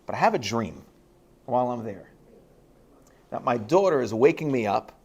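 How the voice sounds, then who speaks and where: A rabbi telling a self-deprecating funny story to a school audience, animated and laughing as he goes. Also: medium pitch, normal speed, breathy edge. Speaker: rabbi giving a talk at a high school. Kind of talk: humorous personal storytelling.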